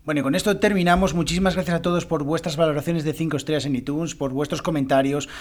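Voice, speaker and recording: A man hosting a podcast who explains Spanish grammar in a patient, clear teaching manner and repeats examples aloud. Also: a little high, steady tone, fast talker.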